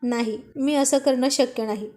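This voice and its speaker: A woman's voice: high voice, steady tone, normal speed, warm tone, close to an everyday voice. A woman voicing a flustered, guilt-ridden young wife in a spoken story, pleading and embarrassed.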